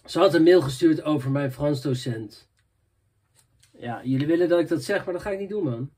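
A man's voice: on the high side, moderate pace, mellow, slightly rough. A young man vlogging and answering viewer messages in loose, rambling casual chat, often dropping filler tags.

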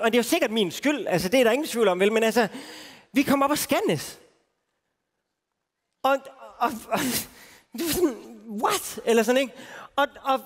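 A man with a high voice tells a personal faith story as a sermon, informal and self-mocking, full of fillers. He speaks from a festival stage, and his voice rings with a long hall reverb. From Denmark.

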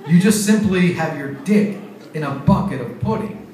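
A man doing a frantic, squeaky party host. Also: lively intonation, normal speed, mellow, slight background noise, lightly acted. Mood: incredulous. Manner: incredulous, pleading, high-pitched exclamations. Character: exasperated young male party host. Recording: echoey bar from a distance.

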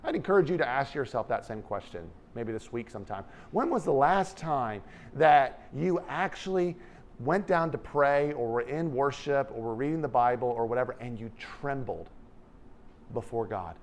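A middle-aged man preaching a sermon in a church hall, animated and gesturing, swinging from loud emphasis to quiet asides. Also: mid-range voice, moderate pace. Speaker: pastor.

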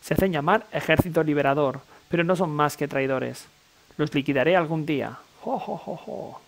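A man's voice: on the high side, steady tone, a little fast, lightly acted. Man putting on a menacing, gloating imperial villain. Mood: mock menace. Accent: Castilian Spanish. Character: hostile imperial guard vowing to crush rebel traitors.

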